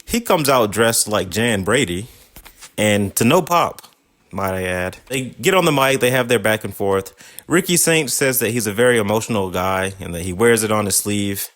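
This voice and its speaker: Low voiced guy ranting through a wrestling recap, sarcastic and fed up. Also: animated, moderate pace, fairly bright tone. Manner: exasperated, sarcastic, rambling. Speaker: podcast host. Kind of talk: casual wrestling show recap.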